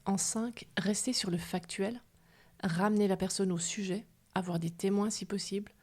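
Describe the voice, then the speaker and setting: A woman hosting a podcast, giving calm, measured advice in a partly read talk, softly spoken in places. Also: medium pitch. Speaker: podcast host.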